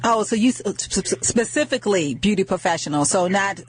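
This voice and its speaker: A woman's voice: medium pitch, expressive, a little fast, slightly rough. Chatty woman hosting a radio show. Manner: upbeat and chatty, repeating words, with fillers. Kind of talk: radio talk show interview.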